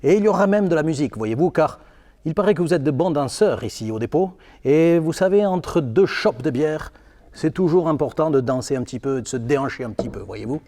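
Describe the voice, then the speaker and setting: Guy putting on a pompous bavarian-belgian beer ambassador, fake german accent, fancy talk, highish voice in a big echoey hall. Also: animated, fairly quick, mellow. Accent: put-on German-Belgian. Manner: formal, keeps adding "n'est-ce pas" and "voyez-vous". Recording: hall reverb.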